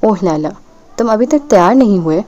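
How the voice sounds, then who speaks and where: A woman's voice: on the low side, steady tone, warm tone, lo-fi sound, close to an everyday voice. A woman reading the lines of a playful, nosy older landlady with a sly, teasing manner in an audiobook.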